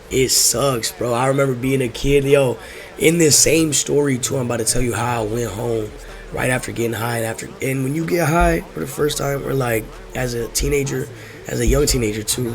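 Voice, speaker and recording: This young American man has a gravelly, medium-pitched voice. As host, he tells personal stories casually in laid-back stoner speech that's slangy and profane, rambling, repeating phrases, and straying off track.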